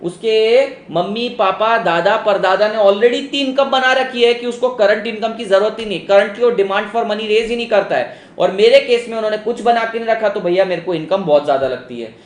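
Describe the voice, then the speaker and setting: A man's voice: high-pitched, brisk, hardly any pauses. Male teacher explaining, echoey room. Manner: casual, mixes English into explanations, addresses students as beta. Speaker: economics teacher. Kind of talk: live online exam-prep lecture. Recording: roomy echo with faint ambience.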